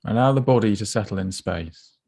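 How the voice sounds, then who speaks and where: In a slightly low voice with a breathy edge, a man leads a body scan meditation. He instructs calmly and unhurriedly, letting pauses fall between phrases.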